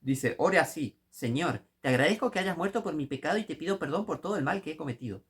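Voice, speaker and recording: A man with a Rioplatense Spanish accent preaching a critical sermon commentary, scolding and rising to impassioned shouts. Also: a little high, lively intonation, fast talker, slightly rough.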